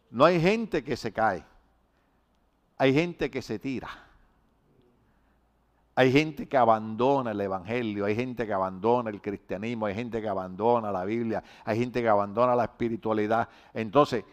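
A middle-aged man from Rico, preaching a conversational sermon in a lively, rambling storytelling way with rhetorical questions. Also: medium pitch. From Puerto Rico. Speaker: pastor.

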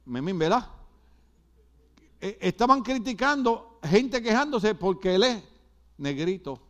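High-voiced Puerto Rican man preaching. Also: sing-song, takes it slowly, fairly bright tone. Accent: Puerto Rican Spanish. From Puerto Rico. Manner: repetitive, emphatic preaching with asides to the congregation. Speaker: pastor. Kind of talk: sermon.

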